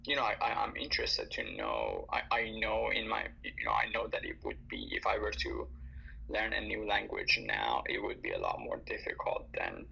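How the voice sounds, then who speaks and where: A man joins a live audio discussion as a listener, speaking at a moderate pace in a low, sharp, slightly rough voice with vocal fry and huge pitch swings. He grew up bilingual and learned English after another language, and he sounds hesitant, full of fillers and restarts. The online audio is dull and lo-fi with faint noise.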